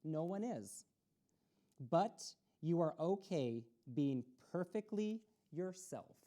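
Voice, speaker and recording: A woman with a fairly low, dark-toned voice reads a picture book to children in a community access TV studio. She takes her time, stays animated, and encourages her young listeners directly.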